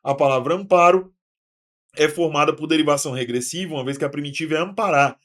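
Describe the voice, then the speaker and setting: Lively male grammar teacher, chatty. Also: a little high, quick pace. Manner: lively, talks to viewers as "senhoras e senhores" with tag questions; acts out student questions himself. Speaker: exam prep teacher. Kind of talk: recorded online lesson.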